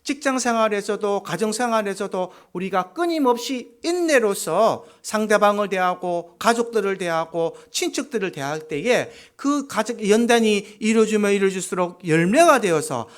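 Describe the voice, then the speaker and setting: Man, pastor, Gyeongsang accent; high and very expressive sermon delivery, acts out quoted spouses. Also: moderate pace, few pauses. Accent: Gyeongsang Korean. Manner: animated preaching that acts out quoted couples.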